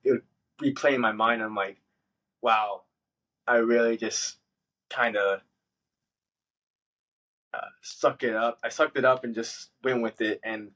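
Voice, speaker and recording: A man telling a story in casual podcast chat, swearing freely and jumping into high-pitched voices when he quotes himself. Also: steady tone, a little slow, pauses often, a bit bright, low-quality recording. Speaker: podcast host.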